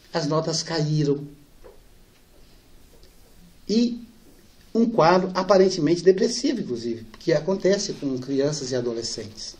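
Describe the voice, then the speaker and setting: A man giving a spiritist lecture, telling family anecdotes lively and softening for the sad parts. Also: on the high side. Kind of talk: storytelling lecture.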